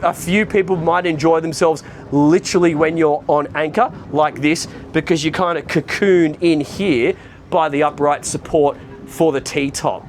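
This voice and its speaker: A man's voice: on the high side, slight background noise. Chatty man touring a boat outdoors. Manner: upbeat, chatty, pointing out features as he walks. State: occasional throat clearing after a recent flu. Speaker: boat reviewer presenting a walkthrough. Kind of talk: casual guided tour talk. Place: outdoors on a boat anchored in an exposed bay.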